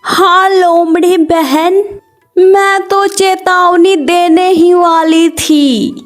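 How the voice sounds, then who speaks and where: A woman's voice: very high-pitched, fairly even intonation, very slow, soft background music, voice pushed up, heavily acted. A woman voicing a plump, cheeky female hen in a cartoon story, bold and teasing. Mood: sly.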